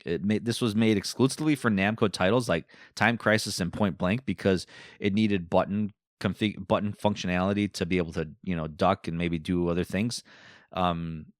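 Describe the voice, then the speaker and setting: A man's voice: low voice, fairly even intonation, normal speed, no room sound, clean studio sound. A man with an Eastern European accent hosting a podcast, talking casually and rambling with fillers and asides. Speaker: podcast host. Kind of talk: casual solo podcast talk.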